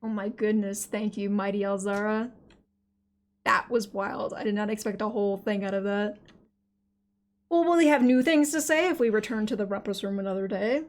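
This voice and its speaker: A woman's voice: mid-range voice, moderate pace. A woman giving casual livestream game commentary, thinking and reacting aloud in a playful, slangy way. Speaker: game streamer.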